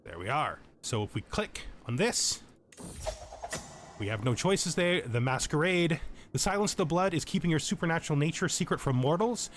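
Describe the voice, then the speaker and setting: The host of a gaming channel gives tutorial-style commentary, switching between reading game text aloud and explaining it informally. His voice is a little high with lively intonation and a moderate pace, and there is a slight hiss or hum.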